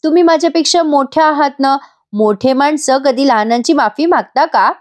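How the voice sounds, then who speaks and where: A woman voicing a gentle, loving young bride in a voice-over episode recap, speaking softly and affectionately. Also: sits high, normal speed, pitched above the performer's own voice, close to an everyday voice. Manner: soft, affectionate, pleading. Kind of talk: voice-over recap reading a character's lines.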